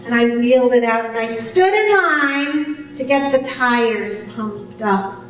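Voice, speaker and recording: An older woman telling a first-person story, unhurried and expressive. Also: fairly high pitch. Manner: unhurried, expressive delivery with amused laughter. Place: storytelling event hall. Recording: very echoey hall, voice far from the mic.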